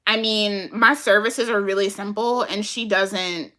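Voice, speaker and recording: A woman chatting casually with her viewers and answering their comments, animated and laughing often, talking to them as "y'all". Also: mid-range voice, a little slow.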